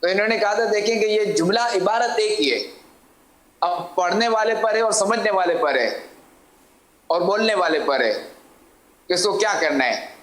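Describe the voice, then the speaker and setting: A man recalls old memories as an interview guest, his voice a little high. He talks haltingly, padding his sentences with filler phrases, and the echoey room rings around him. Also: a bit bright. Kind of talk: reminiscing in conversation.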